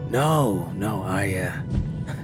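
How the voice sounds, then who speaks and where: An actor playing a calm man watching the sky, speaking very slowly and unhurriedly. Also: sits low, full character voice. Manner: slow, unhurried. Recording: music bed under voice.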